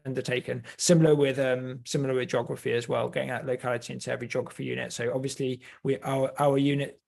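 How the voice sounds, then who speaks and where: A man's voice: mid-range voice, a little mellow. Man presenting, hesitant and explanatory. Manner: hesitant, explanatory, with repeated words. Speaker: presenter of school curriculum resources. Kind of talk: semi-scripted webinar presentation.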